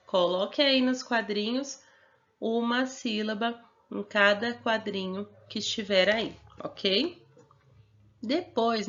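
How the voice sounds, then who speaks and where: A woman's voice: medium pitch, a bit bright, highs cut off. A woman teacher with a Brazilian Portuguese accent, giving a recorded lesson to young children and patiently sounding out words syllable by syllable.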